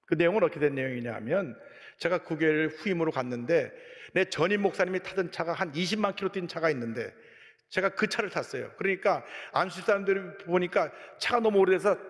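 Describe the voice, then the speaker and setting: Pastor guy preaching, swings loud to quiet, echoey church sound. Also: on the high side, fast talker. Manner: animated storytelling with swings between loud outbursts and hushed asides. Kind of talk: sermon.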